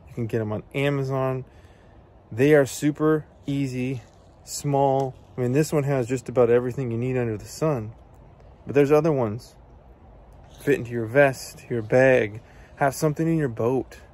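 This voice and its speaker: This American man in his thirties, an outdoors video host, gives casual instructional talk to camera among evergreen trees. Plain-spoken and earnest, he offers practical advice in a mid-range, darkish voice at normal speed.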